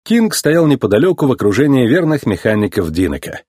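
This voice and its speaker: A man's voice: medium pitch, very animated, brisk, dark tone, slightly rough, no room sound, studio quality. A man narrating a children's story as an audiobook, reading expressively.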